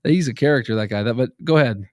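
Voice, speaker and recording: A man's voice: mid-range voice, rapid-fire, no echo, studio quality. A man hosting a podcast interview, explaining context for listeners and laughing along. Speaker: podcast host. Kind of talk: casual interview chat.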